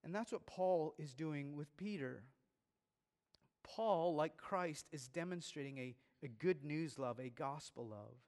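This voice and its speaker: A man's voice: a little high, unhurried, darkish tone. A man preaching a sermon as pastor, earnest and growing emphatic. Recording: long reverb of a large room.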